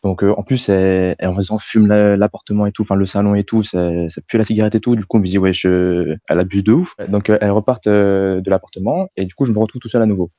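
A man's voice: on the low side, fairly even intonation, fast talker, few pauses, dark tone, dry recording. A young man calling in and telling a long story in casual slang, rambling with lots of fillers. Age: young adult.

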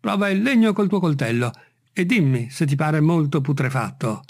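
A man doing an agitated, feverish gentleman. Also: fairly high pitch, expressive, normal speed. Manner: agitated, urgent. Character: excitable gentleman, feverish and commanding. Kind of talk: audiobook reading.

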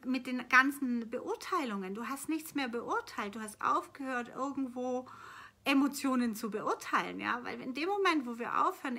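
A woman's voice: fairly high pitch, pushed and bright. A middle-aged woman giving an earnest, flowing spiritual coaching talk, answering viewer questions and repeating phrases for emphasis. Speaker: manifestation coach.

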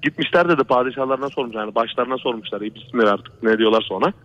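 Phoning in to a radio program, this man recounts a true horror story in a rambling, repetitive way, returning again and again to "he said" and "brother." His pitch is medium and his pace quick. The recording is dry, with the dull lo-fi quality of a radio broadcast.

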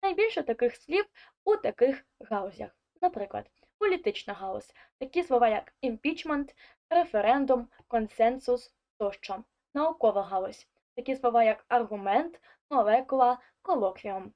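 A woman's voice: fairly high pitch, expressive. A woman teaching an online language lesson, reading scripted explanations and listing examples one by one. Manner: clear, deliberate listing of examples. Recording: dull lo-fi audio.

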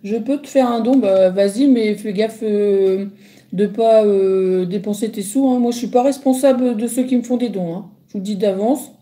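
A woman's voice: medium pitch, moderate pace, dark tone. A middle-aged woman chatting casually on a phone livestream, answering viewers with lots of hesitant fillers. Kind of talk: casual live chat reading comments.

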